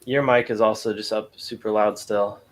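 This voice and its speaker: A man hosting a relaxed stream, chatting casually with friends and making joking asides about technical trouble. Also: fairly low pitch, moderate pace, a little hiss or hum. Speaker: stream host. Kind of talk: casual chat.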